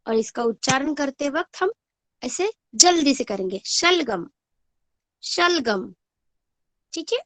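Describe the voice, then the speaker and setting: A woman's voice: high-pitched, animated, a bit bright, dry recording. A woman teacher giving an online class to first graders, sounding out words syllable by syllable and asking the class questions that she answers herself. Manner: slow, clear syllable-by-syllable word drilling.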